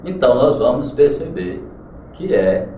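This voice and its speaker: A man's voice: medium pitch, big pitch swings, a little slow, warm tone. A man with a Brazilian Portuguese accent teaching a literature lesson, explaining and chanting verse rhythms aloud. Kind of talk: classroom lecture. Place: classroom. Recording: roomy, distant, dull mic with faint noise.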